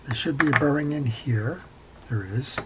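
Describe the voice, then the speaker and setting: A middle-aged man with an ordinary, medium-pitched voice calmly walks through how to repair a fishing reel at a workshop bench, pausing on fillers while his hands are busy. His practical delivery sits over a very noisy backdrop of clicking, clattering small tools and parts.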